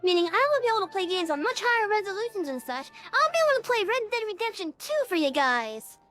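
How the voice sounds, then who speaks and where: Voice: extremely high pitch, very animated, fast talker, bright, forceful tone, soft background music. A game streamer talking through a real-time voice changer in rambling casual chat, full of fillers and restarts.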